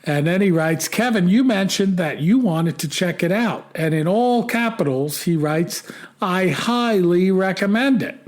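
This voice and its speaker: An American man co-hosting a casual podcast, chatty and quick to laugh as he reads listener emails aloud. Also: high voice, animated, darkish tone. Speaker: podcast co-host reading listener mail.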